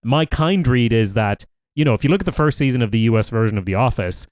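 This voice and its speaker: Fast and expressive, a mid-range male voice chats casually about TV shows as a podcast co-host, using fillers while he thinks aloud. There is no room sound.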